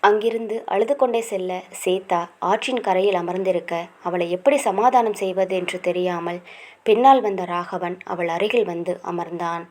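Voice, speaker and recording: A woman narrating a romance novel aloud in a calm, steady reading voice. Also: fairly low pitch, normal speed.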